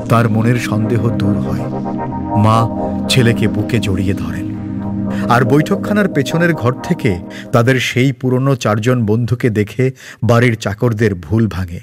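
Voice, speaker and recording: A man narrating a cartoon story in a lively, expressive reading style. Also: medium pitch. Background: background music.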